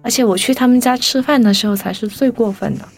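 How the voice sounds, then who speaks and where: A woman's voice: a little high, fast, faint music behind. Young woman telling a personal story. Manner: lively, animated, briefly voices the people she quotes. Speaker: storyteller guest.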